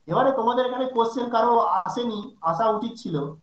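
A man's voice: extremely high pitch, normal speed, dull audio. Male teacher in an echoey online class. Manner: asks students frequent check questions. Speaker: English teacher. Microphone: video call.

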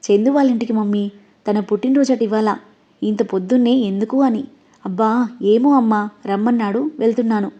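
A woman's voice: on the high side, steady tone, brisk, dark tone, lightly acted. A woman reading the lines of a shy young woman who is easily irritated. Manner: reluctant, irritated. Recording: dull lo-fi audio.

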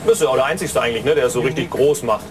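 A German man with a middling voice chats in a loose, colloquial way, adding tag questions. Street noise is clearly present around him. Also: medium pitch, rapid-fire. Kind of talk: casual chat. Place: outdoor snack stall on a street.

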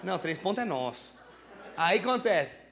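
A stand-up comedian with a rural São Paulo countryside accent, performing live in a comedy bar with animated, exaggerated delivery. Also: male voice, high-pitched, normal speed, gravelly, a crowd in the background, noisy background. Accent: São Paulo countryside caipira. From interior of São Paulo state, Brazil. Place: comedy bar stage before a live audience.

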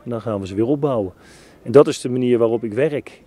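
Husky, dark-voiced football coach. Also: male voice, mid-range voice. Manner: measured, analytical, frank. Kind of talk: post-match interview.

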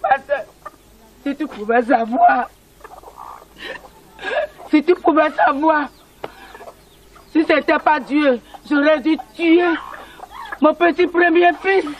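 An older woman acting in a film drama as a devout, excitable village grandmother, fervent and exclamatory. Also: high-pitched, slow pace, long pauses. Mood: overjoyed, tearful. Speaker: actor. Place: outdoor village yard. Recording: muffled, hissy old film soundtrack.

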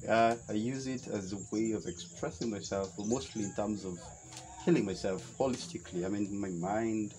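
A man's voice: on the low side, normal speed, noisy background. A young man with a Kenyan accent, answering interview questions in a reflective, hesitant way, often restarting his sentences. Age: young adult. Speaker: interview guest. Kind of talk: relaxed outdoor conversation. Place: shaded veranda by a wetland, outdoors.

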